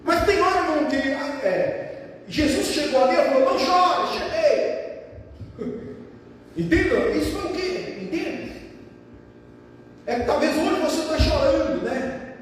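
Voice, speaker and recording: A man's voice: very high voice, lively intonation, a little slow, a little hiss or hum. A male preacher delivering an emphatic sermon, repeating phrases and calling his listeners brothers. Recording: echoey hall, distant mic.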